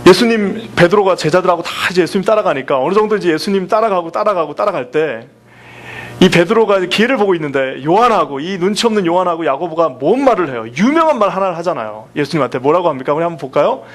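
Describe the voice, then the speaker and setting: Casting: male pastor, sermon delivery, higher voice with an animated, swinging pitch, keeps asking the congregation questions. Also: fast talker. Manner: lively, asks the congregation questions, acts out quotes.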